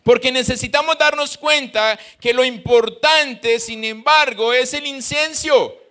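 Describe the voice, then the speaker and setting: A man with a Colombian Spanish accent preaches a sermon in a very high voice. His tone is bright and ringing. He slips into the voices of the people he quotes to drive his points home. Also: unhurried. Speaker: pastor.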